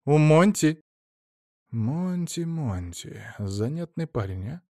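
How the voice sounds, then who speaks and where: An eager male investigator, voiced by the narrator in an audiobook, pressing the women with quick, probing questions. His voice stays close to an ordinary man's, dry and near the mic. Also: on the high side, big pitch swings, mellow, dry recording, pitched above the performer's own voice, heavily acted.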